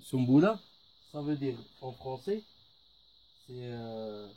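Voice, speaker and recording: A man's voice: medium pitch, expressive, takes it slowly, warm tone. A man teaching a lesson in French, patiently repeating each word. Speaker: Arabic teacher. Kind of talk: slow spoken lesson.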